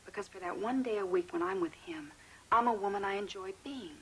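A sardonic, defiant patient. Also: female voice, mid-range voice, sing-song, brisk, vocal fry, slightly rough, full character voice, rough recording. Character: bitter, witty woman in psychiatric ward. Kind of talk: 1970s TV movie acting. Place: hospital ward room.

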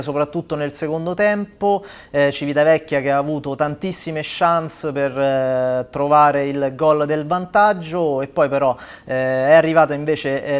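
Slightly high-voiced man presenting sports. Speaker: sports show host. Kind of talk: studio match report. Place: small indoor TV studio. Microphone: lapel mic.

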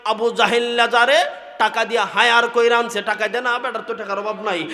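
A man with a Sylheti Bengali accent preaching a sermon at an outdoor religious gathering, shouting with emotion and chanting in a sing-song voice. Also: extremely high pitch, fairly even intonation, a little fast, long reverb tail.

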